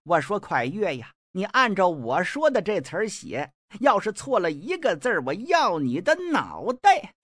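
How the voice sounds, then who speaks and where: A man voicing a ruthless, scheming middle-aged noblewoman who gives orders and mocks her brother in a shrill, high voice. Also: very animated, moderate pace, few pauses, fairly bright tone, no room sound, clean studio sound, full character voice. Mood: scornful, commanding. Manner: mocking, commanding, shrill.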